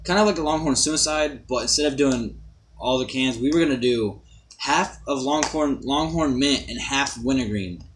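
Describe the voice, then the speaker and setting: A man's voice: medium pitch, normal speed, background noise. A young man giving a casual, rambling amateur product review to camera, repeating himself and swearing mildly.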